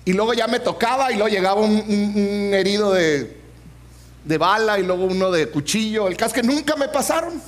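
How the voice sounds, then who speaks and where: Man preacher, 40s, very high voice, humorous storyteller. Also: lively intonation, brisk. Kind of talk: sermon with personal story.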